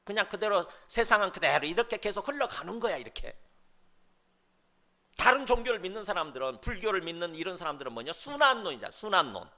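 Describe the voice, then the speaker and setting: Male pastor, conversational sermon delivery, high and animated pitch, throws out rhetorical questions. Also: quick pace. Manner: mimics scoffers in mocking asides.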